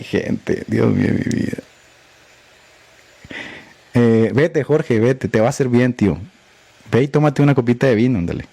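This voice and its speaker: The recording is dry, carrying a man's medium-pitched, dark voice as he hosts a livestream podcast. He is blunt and sarcastic in this monologue, singling out one critic and naming him repeatedly.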